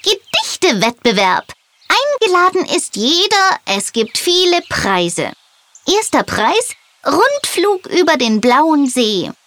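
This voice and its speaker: A woman's voice: sits high, huge pitch swings, slow pace, fairly bright tone, voice pushed up, full character voice. A woman voicing a small, kind male mole reading a sign aloud, in a children's audio story. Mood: announcing.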